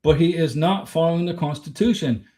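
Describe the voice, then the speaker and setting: With a warm tone and a slightly high pitch, this Florida man talks fairly quickly while hosting a casual livestream. He's an American who gives blunt, opinionated takes, asks rhetorical questions, and replies to chat emphatically.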